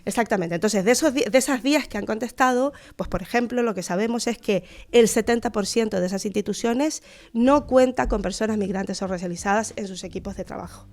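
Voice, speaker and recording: A woman's voice: medium pitch, brisk, a little mellow, soft background music. A woman from Chile with a Chilean accent, a guest researcher on a radio interview, speaking thoughtfully with fillers and restarts.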